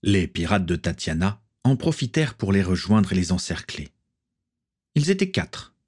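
A man reading a story aloud with a low, husky voice. His delivery is steady and measured, suited to a long audiobook. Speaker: narrator. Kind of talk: audiobook narration.

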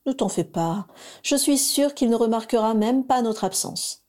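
A woman voicing a cheerful, affectionate mother who gently coaxes her children in a storybook reading. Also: a little high, lively intonation, moderate pace, pitched above the performer's own voice, close to an everyday voice. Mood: cheerful coaxing.

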